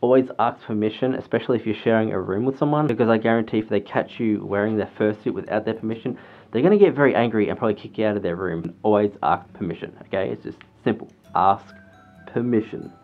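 Talking through a fursuit head, this man gives chatty, earnest advice in a casual vlog, lecturing with frequent restarts. His voice sits on the low side and moves fast. The audio is dull and lo-fi, with faint music behind him.

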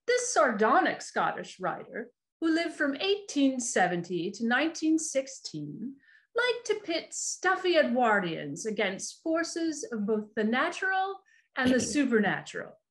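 Actress as a macabre horror hostess with a high, swooping, campy delivery. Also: female voice, big pitch swings, unhurried. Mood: arch. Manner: theatrical, arch, relishing dark jokes. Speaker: show hostess. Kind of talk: community audio play hosting.

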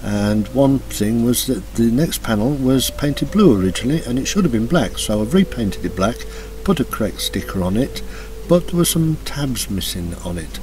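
A man narrating a slideshow of his motorbike restoration in a relaxed, hesitant way, with frequent ums and uhs. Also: mid-range voice, normal speed, slight background noise. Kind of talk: casual voice-over commentary. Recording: voice-over with music playing behind.

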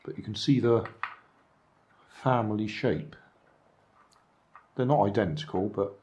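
Seated indoors at a table with his hands on camera, an older vlog host shows off his latest charity shop finds in casual narration, dry and musing with many asides. His voice is lowish, and faint noise sits beneath the recording.

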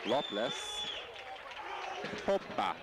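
Male football commentator over clear background noise. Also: lowish voice, over a noisy crowd. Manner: excitable, voice leaps on big moments. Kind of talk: live football match commentary. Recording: noisy outdoor match broadcast.

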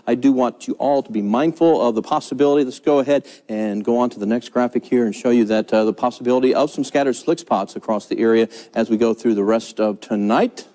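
Mellow weatherman in a reverberant room. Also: medium pitch, a little fast, hardly any pauses. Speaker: TV weather forecaster. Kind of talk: ad-libbed weather forecast. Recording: reverberant hall-like sound.

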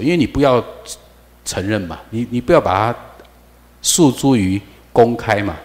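Low-voiced male lecturer with a Taiwanese Mandarin accent, quizzing his class, lots of hall reverb. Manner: asks the class rhetorical questions, switching into Taiwanese.

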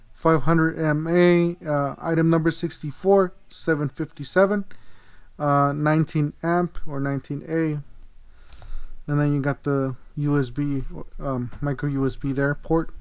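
A man's voice: a little high, clear, resonant tone, no room sound. A man casually reviewing a product at his desk, thinking aloud with fillers as he handles it. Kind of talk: casual unboxing commentary. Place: desk at home, later kitchen and outdoors at night.

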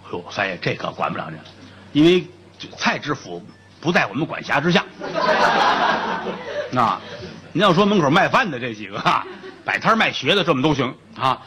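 A man's voice: medium pitch, very animated, moderate pace, pauses often, background noise, natural voice. A man voicing a boastful, streetwise male prison inmate in a comic told story. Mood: brash. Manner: brash, jokey.

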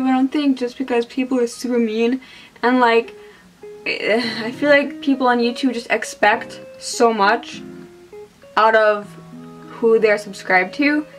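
A hungover beauty vlogger in her twenties rambles casually through a makeup vlog, putting herself down as she goes. Her voice sits a little high, and the low-quality recording was made in a small indoor room.

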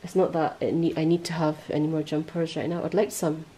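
A woman hosting a podcast in casual chat, rambling and correcting herself as she goes, her voice a little hoarse. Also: deep voice, flat delivery, brisk, dark tone, slight background noise, low-quality recording. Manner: chatty, rambling, self-correcting. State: voice going hoarse. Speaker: podcast host.

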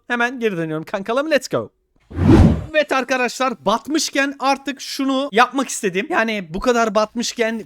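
A young man commenting on his own gameplay, pleading with the game and swinging between low muttering and loud shouts. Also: clear, resonant tone, no echo. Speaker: gaming YouTuber.

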